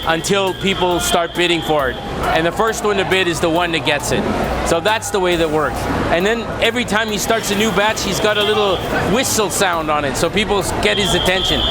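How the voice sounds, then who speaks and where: Male vlog host, fairly high voice, keen and explanatory, casual on-location delivery with prominent music underneath. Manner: enthusiastic, explanatory. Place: outdoors at a busy fishing harbor. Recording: outdoor harbor, background music, vehicle noise.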